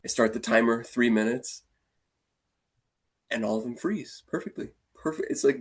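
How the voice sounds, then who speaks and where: A man with a husky, slightly rough voice at a middle pitch, telling stories about his students in a relaxed chat. He talks with lively energy and slips into playful voices when he quotes the kids. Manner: animated, acts out the kids' voices. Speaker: martial arts instructor. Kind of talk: casual storytelling conversation.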